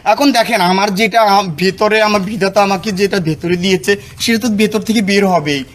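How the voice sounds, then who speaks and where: A man pleading dramatically in a street confrontation, breaking into shouts, recorded outdoors with onlookers. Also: high-pitched, normal speed. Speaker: spurned lover in a street dispute. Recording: outdoor street crowd noise.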